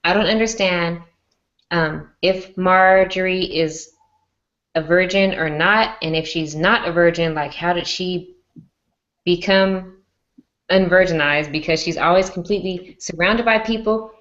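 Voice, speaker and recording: A woman co-hosting a casual live-stream chat, chatty and energetic. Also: on the low side, unhurried, lo-fi sound. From Mexico. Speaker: co-host.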